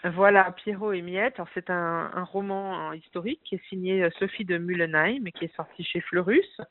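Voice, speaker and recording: A woman's voice: on the low side, moderate pace, no echo. A woman talking on a radio show about books by phone, chatty, with many fillers and restarts. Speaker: book reviewer and blogger. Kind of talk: casual radio chat on the phone. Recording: phone-line sound.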